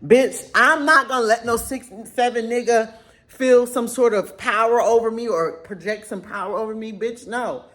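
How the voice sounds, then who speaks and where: A young adult woman telling a dramatic story in a casual vlog, animated and profane, with sudden high-pitched outbursts. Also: moderate pace. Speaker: storytime vlogger.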